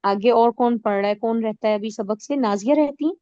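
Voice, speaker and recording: A woman's voice: a little high, mellow, clean tone, dry recording, muffled recording. A woman teaching an online recitation class, explaining rules patiently with everyday examples and checking that her students follow.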